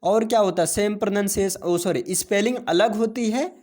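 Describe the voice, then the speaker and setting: A man's voice: high-pitched, darkish tone. Male teacher quizzing his class. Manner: explains step by step, asking the class questions and answering them himself; mixes English terms into Hindi, reads English lines out slowly. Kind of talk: classroom-style grammar lesson.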